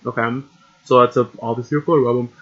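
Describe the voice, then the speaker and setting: A man's voice: medium pitch, fairly even intonation, quick pace. A young man reading his own old story aloud, breaking off for exasperated, cringing asides. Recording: dull lo-fi recording.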